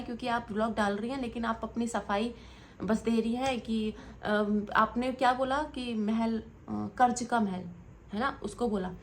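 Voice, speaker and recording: Young woman vlogger, high voice, rambling and reproachful commentary. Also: a little hiss or hum. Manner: earnest, scolding, rambling. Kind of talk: direct-to-camera commentary vlog.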